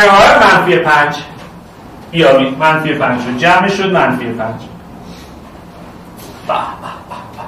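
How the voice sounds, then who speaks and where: A man teaching math to an online class, talking loudly and animatedly to his students. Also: sits high, heavy reverb, recorded from a distance, a little hiss or hum, rough recording. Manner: loud, animated, talks to students directly.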